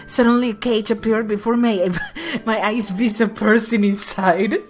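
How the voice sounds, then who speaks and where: A woman voicing an excitable young witness with a breathless, giggly way of telling things. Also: a little high, moderate pace, voice pushed up, natural voice. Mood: excited. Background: game music.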